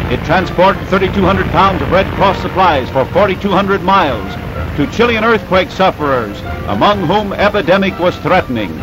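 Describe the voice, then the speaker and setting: A man narrating an old newsreel in a brisk, emphatic announcer delivery. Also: high-pitched, poor audio.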